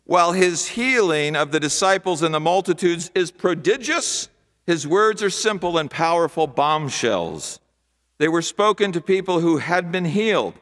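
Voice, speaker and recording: An older man preaching a sermon from a church pulpit, with rhythmic, repetitive phrasing and emphatic pauses. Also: on the high side, expressive, fairly bright tone. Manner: gestures broadly with both hands while preaching. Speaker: pastor. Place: large church sanctuary, at a wooden pulpit. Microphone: pulpit microphone. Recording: long church hall reverb.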